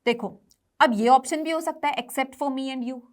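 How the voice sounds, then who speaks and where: An Indian-accented woman with a distinctly high voice teaches grammar to exam students, speaking slowly and often answering her own questions. Her coaching lesson switches back and forth between Hindi and English.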